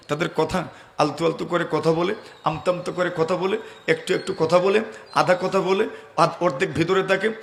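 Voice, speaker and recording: Male preacher, high voice, waz sermon, melodic Quranic chanting, rhetorical questions to the audience, loud emphatic peaks and soft storytelling passages. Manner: chants Quranic verses in a slow melodic recitation. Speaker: Islamic preacher.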